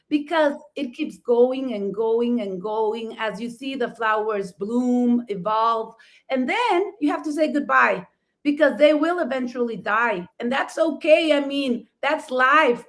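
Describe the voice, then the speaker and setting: A middle-aged Mexican woman, a native Spanish speaker with a Mexican accent, tells her story as a talk show co-host who also works as a florist. Her voice is fairly high, and she's enthusiastic, laughs often, and keeps rephrasing herself with "I mean."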